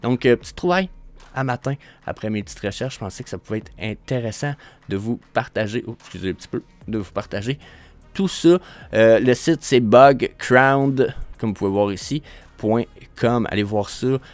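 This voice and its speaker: A man's voice: mid-range voice, expressive, moderate pace. A man with a Québécois French accent hosting a show, rambling through casual commentary with frequent stumbles and restarts. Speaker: show host. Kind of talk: casual screen-share commentary.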